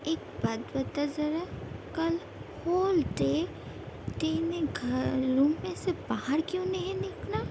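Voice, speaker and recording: A woman's voice: very high-pitched, slow pace, vocal fry, very noisy, exaggerated voice. A woman voicing a caring middle-aged mother in an amateur fan story, questioning and fussing.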